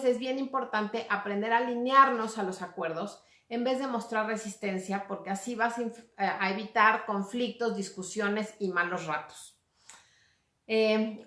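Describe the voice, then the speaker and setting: A roomy echo surrounds a woman's mid-range, sharp-toned voice. Acting as a communication coach, she talks casually to viewers, keeping it conversational and tossing in little tag questions to check in.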